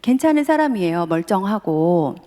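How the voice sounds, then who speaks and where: A middle-aged woman professor delivers a sermon at a dawn revival service, telling family stories and speaking straight to the congregation. Her mid-range voice is warm, moves at a moderate pace, and swings widely in pitch. A long reverb tail trails after her words.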